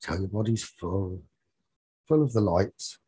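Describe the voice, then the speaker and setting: A meditation teacher guides listeners toward sleep, his low, very breathy and husky male voice moving slowly. He speaks in short, soothing phrases separated by long pauses, with a soft, mellow yet expressive tone. The recording is close-miked and dry.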